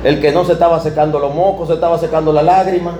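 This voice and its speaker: A man's voice: on the high side, fairly even intonation, fast. Emphatic preacher man in an echoey room. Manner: emphatic, varies pace, drawls key words. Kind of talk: sermon with storytelling. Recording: echoey room with air conditioning hum.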